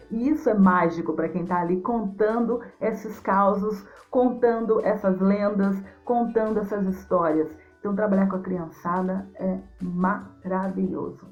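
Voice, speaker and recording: Brazilian female storyteller, effusive interview guest for kids; slightly dull audio, faint music bed. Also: medium pitch. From Mato Grosso do Sul, Brazil. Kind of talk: interview answers for a young audience.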